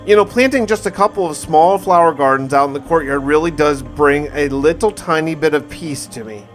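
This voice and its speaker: Over soft background music, a man with a slightly high voice talks fairly quickly as he recounts a survival challenge he played. He tells it like a diary, casual but dramatic, with wry remarks along the way.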